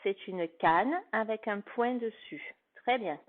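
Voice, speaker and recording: Slow, patient woman teacher on a tinny line. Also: medium pitch. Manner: slow, carefully articulated, patient, addressing a child. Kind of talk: phonics lesson for a young child. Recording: tinny phone-like sound.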